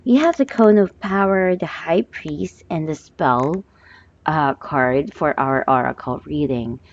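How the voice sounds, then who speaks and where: A woman with a hoarse voice giving a monthly love forecast as a tarot reader, talking gently and hesitantly with many fillers. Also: deep voice, slow pace, muffled recording.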